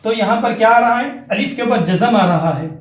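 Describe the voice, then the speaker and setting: A man with a high voice teaches a Quran recitation lesson, going over each rule more than once. He chants the example syllables in a slow, drawn-out way. The room has a lot of echo.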